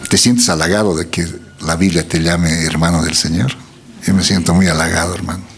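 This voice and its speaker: A man's voice: low voice, flat delivery, fairly quick, creaky, a little hiss or hum. A man preaching a sermon, reading scripture aloud and putting questions to the congregation.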